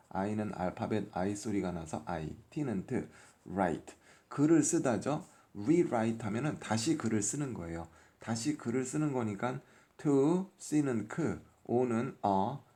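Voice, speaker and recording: A man teaches phonics from a workbook, methodically sounding out each letter before giving the word and its meaning. His delivery is unhurried and deliberate, with a lowish voice. His tone is warm and mellow. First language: Korean. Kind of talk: workbook lesson explained step by step.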